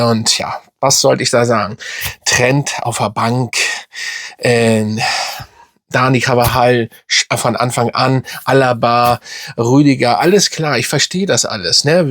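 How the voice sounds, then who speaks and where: Young male fan-channel host, casual rant, halting and exasperated, dry close recording. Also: mid-range voice, a bit bright, dry recording. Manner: frustrated, rambling with many fillers and restarts. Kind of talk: casual fan match reaction.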